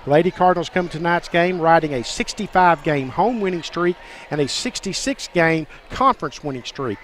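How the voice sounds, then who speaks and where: A man hosts a college basketball broadcast, reading records and standings in a polished, stat-heavy announcer style. His voice sits high for a man. Faint noise hums under the recording. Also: fairly bright tone. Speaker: play-by-play announcer. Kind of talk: college basketball webcast commentary.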